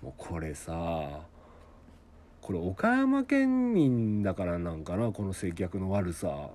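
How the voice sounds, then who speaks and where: Host: man from Okayama, middle-aged, chatty solo talk, mellow tone, lively pitch swings. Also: takes it slowly. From Okayama, Japan. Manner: chatty, laughing often, asking listeners questions. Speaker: podcast host. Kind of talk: solo casual talk to listeners.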